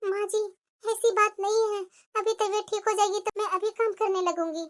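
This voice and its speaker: A woman's voice: very high-pitched, level tone, normal speed. A woman voicing a sick, put-upon young daughter-in-law in a cartoon, weary and complaining. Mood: pleading. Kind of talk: cartoon voice acting.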